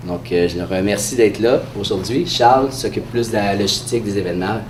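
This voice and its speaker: Hesitant Quebec man with a cold, echoey room. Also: fairly low pitch. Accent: Quebec French. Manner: hesitant, halting delivery with frequent pauses. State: has a head cold. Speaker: sports association president presenting. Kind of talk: semi-formal press conference presentation. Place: indoor room at a press event. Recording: echoey room, distant mic, faint noise.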